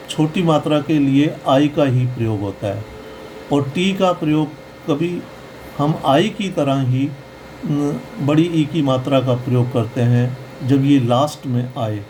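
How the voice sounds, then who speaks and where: Slow, patient male teacher. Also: on the high side, a little mellow, slight background noise, poor audio. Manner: patient, repeats each sound slowly. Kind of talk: slow explanatory lesson.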